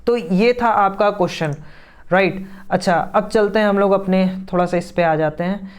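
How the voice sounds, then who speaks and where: A man's voice: high-pitched, normal speed, smooth. A young man teaching an online exam-prep lesson, chatty and advising, often asking his listeners 'right?' and mixing English phrases into his talk. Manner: chatty, advising, keeps saying 'friends' and 'right?'; mixes English words and phrases into Hindi.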